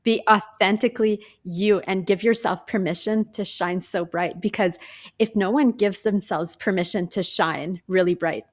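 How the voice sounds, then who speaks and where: A woman's voice: mid-range voice, moderate pace. Earnest upbeat woman on a laggy call. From Canada. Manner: earnest, upbeat, speaks in encouraging slogans. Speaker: guest, business owner. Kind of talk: motivational conversation. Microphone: video call with lag.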